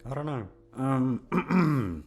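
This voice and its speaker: An audio content creator, a young man, rambles through a casual chat in a goofy, self-deprecating and sweary way over background music. His medium-pitched voice is very animated and extremely slow.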